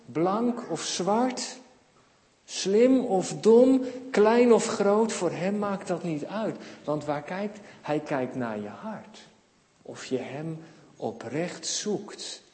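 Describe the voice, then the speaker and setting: A man gives a children's sermon in a church, telling the story and acting out the cries of the people in it. His voice sits high for a man, and he keeps turning to the children with questions. The sound rings through a large, echoey hall with a long reverb tail. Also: very animated, slow, mellow. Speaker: preacher.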